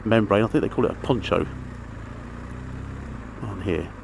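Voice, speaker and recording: Speaking at normal speed with a lowish voice and vocal fry, a motorcycle vlogger reviews gear in a chatty, rambling, matter-of-fact way as he rides. Engine sound, traffic and outdoor noise come through his helmet mic.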